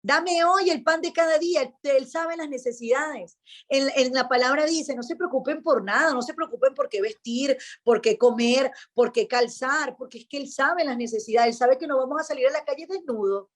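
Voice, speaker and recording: A woman with a Venezuelan accent speaks with a notably high voice, telling a personal testimony in a relaxed interview. She brings the story to life by acting out each person's lines. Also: normal speed. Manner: animated storyteller, acts out dialogue. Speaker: radio host, interview guest. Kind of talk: casual testimony chat.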